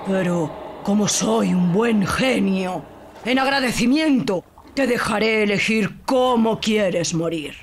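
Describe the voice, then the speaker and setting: A narrator putting on a booming, slow giant genie. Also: background noise. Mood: menacing, booming. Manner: slow, booming, drawn-out delivery. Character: huge boastful male genie, menacing then pleading. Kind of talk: storybook character voice. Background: background music.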